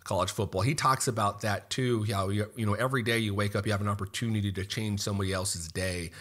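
A man's voice: fairly low pitch, fairly even intonation, fast, fairly bright tone. A man hosting an interview in a conversational, affirming way. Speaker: podcast host. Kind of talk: casual interview chat.

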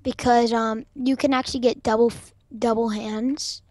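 A woman hosting a gaming video, excitable and swearing constantly as she plays and trash-talks opponents on a voice call. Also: a little high, moderate pace, no echo. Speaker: gaming channel host. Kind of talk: casual gameplay commentary.

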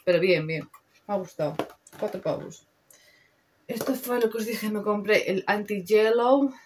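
A woman's voice: medium pitch, measured pace, noisy background. Chatty young Spanish woman reviewing makeup. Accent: Spain Spanish. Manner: chatty, swears freely, slangy. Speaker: beauty vlogger. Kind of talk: casual product review.

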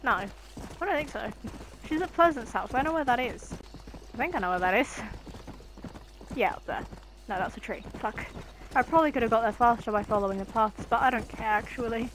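A woman's voice: on the high side, fairly quick, pauses often, slight background noise. Jumpy swearing young woman gamer. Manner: excitable, swears a lot, jumpy yelps. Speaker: gaming channel host. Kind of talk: casual gameplay commentary.

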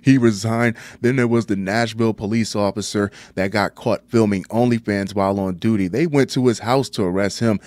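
Deadpan low-voiced man mocking the news. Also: moderate pace, few pauses, no echo. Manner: deadpan mocking delivery, reading news and cutting in with crude jokes. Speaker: host of a satirical crime news show. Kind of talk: sardonic news commentary. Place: small dark home studio.

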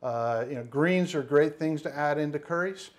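A man in his fifties with a slightly high voice talks at normal speed during a casual cooking demonstration. He runs a spice shop and is miked with a lapel mic in an indoor studio kitchen set, rambling with frequent fillers and restarts.

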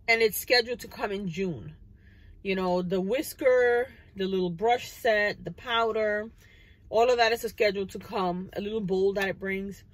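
Sitting in her parked car, a vlogger in her thirties talks in a chatty, meandering way packed with filler words. She has a mid-range, somewhat bright voice, captured in low quality by a phone camera propped on the dashboard.

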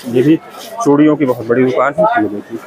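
Over a noisy crowd and with poor audio, a vlogger with a mid-range voice narrates a walking tour of a crowded outdoor market at a quick pace. He points out shops to his viewers, repeating "look here," with loud street noise behind him.

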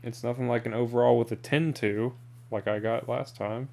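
A man's voice: mid-range voice, fairly even intonation, normal speed, vocal fry, mellow. A man giving casual gameplay commentary, rambling with dry sarcastic asides. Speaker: gaming video creator.

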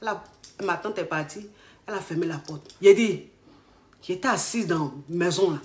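A woman telling her life story in casual, animated speech, quoting the people she met. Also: fairly low pitch, brisk. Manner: animated retelling with acted quotes. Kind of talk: personal storytelling. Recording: echoey room.

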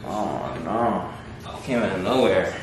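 A man's voice: low-pitched, slow, reverberant, a little hiss or hum. A young American man chatting casually on a home vlog, groggy and slurring his words with a swollen mouth after wisdom teeth surgery. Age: young adult. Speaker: vlogger. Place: at home, handheld camera indoors.

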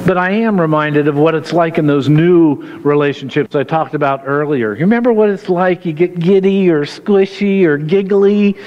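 Middle-aged preacher in an echoey sanctuary. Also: male voice, a little high, moderate pace, hardly any pauses, lo-fi sound. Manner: conversational, asks the congregation questions. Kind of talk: sermon. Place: large church sanctuary with stage. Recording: echoey hall with noise.

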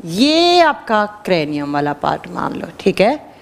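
A woman teacher giving an animated classroom lecture, quizzing her students and answering her own questions. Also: fairly low pitch, unhurried, gravelly, in a large hall. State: dry throat.

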